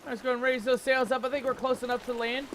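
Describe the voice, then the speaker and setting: A man's voice: extremely high pitch, little pitch movement, fast talker, slight background noise. A man hosting a gaming video, commentating in a playful, theatrical manner with bits of pirate slang. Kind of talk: excited gameplay commentary. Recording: loud game music behind the voice. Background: loud game music.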